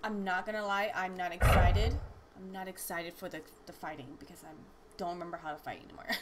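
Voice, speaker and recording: A woman's voice: lowish voice, steady tone, fairly quick. A woman in her twenties giving casual, informal gameplay commentary and reading on-screen text aloud. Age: 20s. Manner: informal, reactive, sweary. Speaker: let's play streamer. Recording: clearly noisy home recording.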